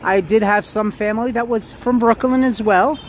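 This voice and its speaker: A man with a Queens accent and a fairly high voice chats casually to livestream viewers, often repeating himself. He is outdoors on a city sidewalk, with clear traffic noise behind him. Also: steady tone, normal speed. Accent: Queens New York. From Queens, New York City. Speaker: livestream host. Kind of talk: casual walking livestream chat. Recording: noisy city street with traffic. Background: street ambience and passing cars.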